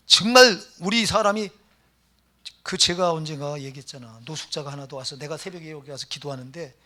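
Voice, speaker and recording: A male pastor preaching a sermon emphatically, firing rhetorical questions at the congregation and swinging between loud and hushed lines. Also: a little high.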